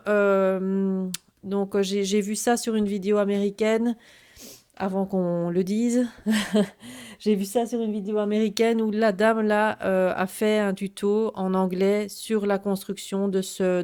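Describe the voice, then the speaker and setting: A woman with a noticeable accent hosts a relaxed craft show-and-tell. Her voice is warm and mellow. She pauses often, filling gaps and restarting her phrases. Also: mid-range voice. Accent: noticeable French accent. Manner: hesitant, many fillers and restarts. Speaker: craft video host. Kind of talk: casual product presentation.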